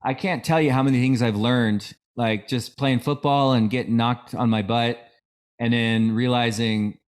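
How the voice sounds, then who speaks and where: A middle-aged man hosting a podcast, speaking at a mid pitch for a man. He talks in a reflective, conversational way and warmly affirms his guest's points. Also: steady tone, a little slow, clear, resonant tone. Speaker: podcast host. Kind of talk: casual podcast interview.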